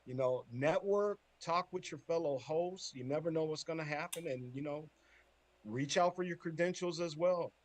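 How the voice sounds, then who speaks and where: A man's voice: on the high side, moderate pace, a little hiss or hum. A man guesting on a sports podcast, chatting casually and giving earnest advice, often repeating his words as he rambles.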